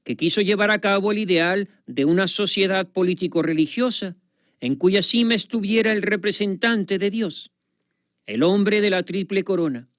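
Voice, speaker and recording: High-voiced man narrating a documentary. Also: no echo. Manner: solemn, measured, with dramatic pauses. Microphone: studio voice-over. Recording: voice-over over guitar music. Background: guitar music.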